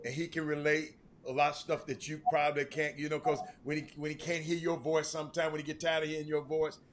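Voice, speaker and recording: A middle-aged man hosting a sports talk show, animated and stammering through restarts. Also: a little high, fast, slight background noise.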